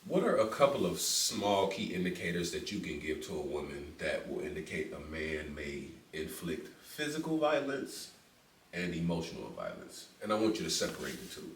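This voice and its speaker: A man's voice: low voice, expressive, moderate pace, a little hiss or hum. Man, podcast host, laid-back and playful, roomy distant sound. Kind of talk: casual podcast interview. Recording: echoey room, distant mic.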